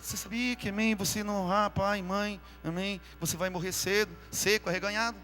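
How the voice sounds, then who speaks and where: A man's voice: high voice, steady tone, fairly quick, sharp tone, faint music behind. A man preaching a fervent sermon in church, calling out to the congregation and asking them to repeat after him. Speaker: pastor. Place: church during a live service.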